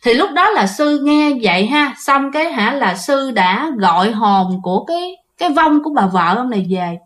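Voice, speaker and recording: A woman's voice: high voice, expressive, moderate pace, a bit bright. Chatty Southern Vietnamese woman telling ghost stories. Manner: chatty, addresses listeners directly, many fillers. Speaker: storyteller. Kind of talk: casual ghost story narration.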